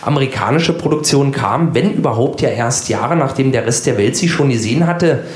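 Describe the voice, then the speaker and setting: A man's voice: mid-range voice, lively intonation, fairly quick, reverberant. Wry middle-aged man telling a story. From East Berlin. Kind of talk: comic storytelling.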